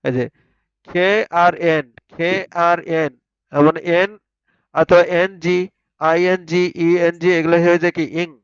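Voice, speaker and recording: A man teaching an online pronunciation class, sounding out words slowly and having students repeat them. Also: on the high side, fairly even intonation, clear, resonant tone, no echo. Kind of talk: online spoken English class. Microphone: online video call. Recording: dull lo-fi online call audio.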